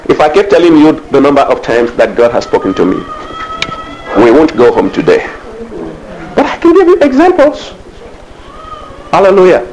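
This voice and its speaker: A man preaching to his congregation, his voice swooping up and down with each point and sitting a little high for a man. He questions the listeners and sprinkles hallelujahs through his sermon, with faint noise underneath. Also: huge pitch swings, moderate pace, pauses often, darkish tone, rough recording. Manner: call-and-response preaching, frequent hallelujahs. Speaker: pastor.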